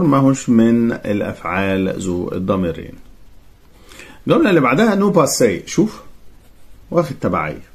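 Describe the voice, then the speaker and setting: Egyptian male French tutor, young adult, lively pitch, slow careful French readings, brisk Arabic explanations. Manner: reads French sentences slowly, then explains quickly in Arabic. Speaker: French teacher. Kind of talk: exam-prep grammar lesson.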